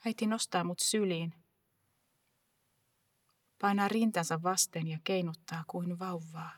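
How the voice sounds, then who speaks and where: A woman performing a dramatic first-person monologue with an intense, hushed delivery. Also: lowish voice, steady tone, dry recording, clean studio sound.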